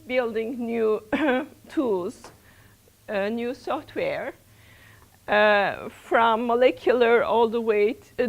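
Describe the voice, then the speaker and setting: A woman's voice: on the high side, rough recording. A middle-aged woman, a research center's principal investigator, opening a workshop lecture in a lecture room, hesitant with many fillers and restarts.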